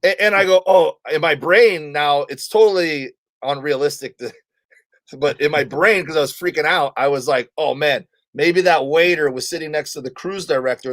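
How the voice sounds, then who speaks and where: A man's voice: fairly high pitch, a bit bright, no echo. A man, a comedian guest, telling a story in a casual interview and acting out the quotes of the people in it.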